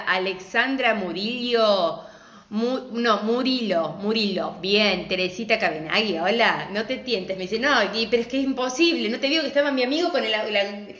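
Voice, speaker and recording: A woman's voice: a little high, fairly bright tone. A middle-aged woman with an Argentine accent, chatting affectionately and laughing often as she greets viewers of her live crafts class from home. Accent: Argentine Spanish. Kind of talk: casual live-stream chat. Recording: echoey room.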